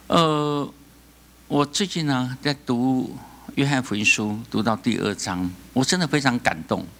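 A man with a Taiwanese Mandarin accent preaching a sermon as pastor, animated, often laughing and prompting the congregation to answer. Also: mid-range voice, unhurried. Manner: animated, asks the congregation call-and-response questions; laughs often between remarks.

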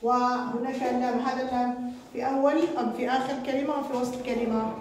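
A high-pitched woman teaches a young class, praising pupils and urging them to hurry as she counts off the seconds. She sounds far from the mic in a very echoey, noisy classroom. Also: fairly even intonation, darkish tone. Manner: brisk, encouraging, urges pupils to hurry and counts aloud. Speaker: primary school teacher.

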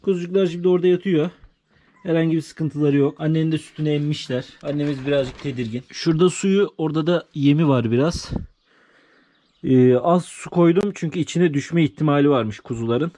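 A man vlogging from his farm, talking casually and soothing animals with quiet, repeated hushes. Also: a little high, brisk. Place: farm in a rural village, outdoors. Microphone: body-worn camera mic.

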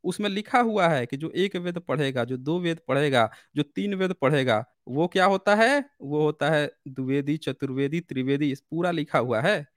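A high-pitched man hosting a live call-in debate, pressing his caller with rapid, insistent questions. His voice is dry and close, with no room sound around it. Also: no room sound. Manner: argumentative, rapid-fire questioning. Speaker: host.

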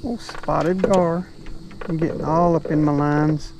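A middle-aged man with a slightly high, steady voice talks slowly and in a relaxed, folksy way as he fishes from a small boat on a shaded swamp. He's a fishing vlogger narrating casually, filmed with a head-mounted action camera. Faint outdoor noise can be heard.

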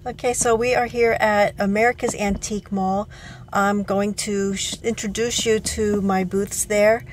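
In a medium-pitched, flat voice at a measured pace, a woman in her fifties shows her antique booth items. She chats casually, with frequent ums and self-corrections, in a show-and-tell vlog set in her living room, then her car and an antique mall.

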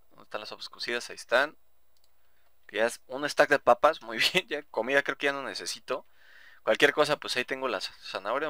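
A man's voice: mid-range voice, bright, forceful tone, slight background noise. A young man with a Mexican Spanish accent giving casual, chatty gameplay commentary, swearing and talking to himself. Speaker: gaming YouTuber.

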